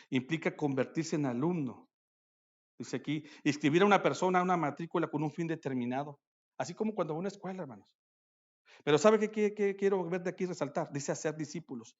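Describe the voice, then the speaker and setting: A man preaching a sermon at a church conference, calling out to his listeners as brothers and swinging between loud declarations and quiet asides. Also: on the high side, lo-fi sound.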